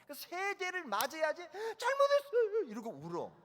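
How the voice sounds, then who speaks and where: A male preacher giving a lively sermon, telling family stories and acting out the voices of his children and himself. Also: normal speed. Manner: animated storytelling, voicing children and parent with big swings in pitch and loudness. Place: large hall at a retreat. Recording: long hall reverb.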